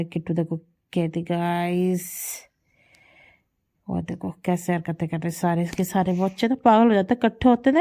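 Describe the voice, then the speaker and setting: A woman's voice: fairly low pitch, dark tone. A woman vlogger and mother chatting doting, rambling voice-over narration about her children's antics. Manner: chatty, doting, repeats herself as she narrates family clips. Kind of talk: casual vlog voice-over narration.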